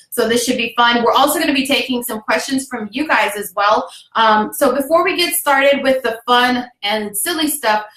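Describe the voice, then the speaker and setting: A woman's voice: on the high side, pushed and bright. Upbeat chatty woman in an echoey room. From Jamaica. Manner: upbeat, chatty, laughs often. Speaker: host. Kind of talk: casual livestream chat.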